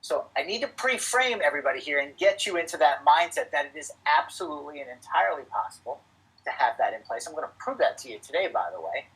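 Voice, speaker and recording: A man's voice: on the high side, lively intonation, quick pace, a bit bright, breathy edge, rough recording. A middle-aged man presenting a live webinar to financial advisors, emphatic and coaching, repeating his key points.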